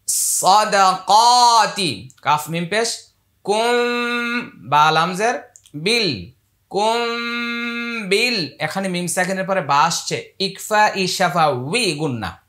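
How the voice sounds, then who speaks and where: High-voiced man chanting slowly, then explaining. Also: sharp tone. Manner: slow drawn-out chanting of Arabic verses, then brisk spelled-out explanation. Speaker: Quran recitation teacher. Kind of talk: Quran recitation lesson.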